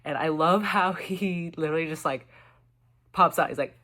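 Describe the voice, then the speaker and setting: A woman chatting excitedly as a vlogger, reviewing a show in casual commentary with lots of fillers. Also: low-pitched, normal speed.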